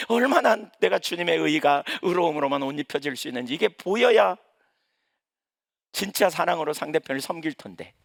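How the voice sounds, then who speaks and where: A man's voice: a little high, creaky, a bit bright, no echo, studio quality. A male pastor preaching a sermon in a conversational way, asking the congregation questions as he goes.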